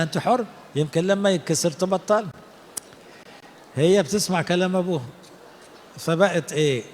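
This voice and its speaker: A man's voice: on the high side, big-room sound, slight background noise. A man with an Egyptian Arabic accent, a priest preaching a sermon and telling stories in which he acts out the people he quotes. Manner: storytelling, acting out quoted people. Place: cathedral.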